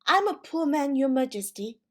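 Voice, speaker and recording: A woman's voice: sits high, sing-song, normal speed, a little mellow, pitched above the performer's own voice. A woman doing a trembling, nervous hatter. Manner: trembling, anxious.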